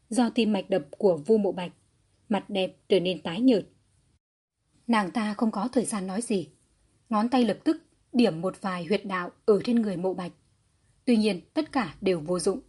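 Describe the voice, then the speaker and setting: Mellow, husky woman narrator. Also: medium pitch. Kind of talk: audiobook narration of a historical fantasy novel.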